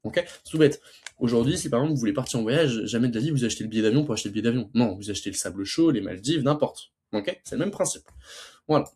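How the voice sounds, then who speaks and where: Fast-talking husky young man coaching. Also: mid-range voice, animated, darkish tone. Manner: stutters and restarts often; acts out both sides of a sales call. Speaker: sales closing coach. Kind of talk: casual teaching monologue.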